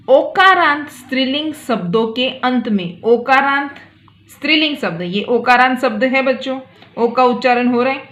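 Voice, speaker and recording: Slow, bright-voiced woman teaching grammar. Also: on the high side, echoey room. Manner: slow, repeats words aloud for pupils. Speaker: school teacher. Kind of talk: Hindi grammar lesson for children.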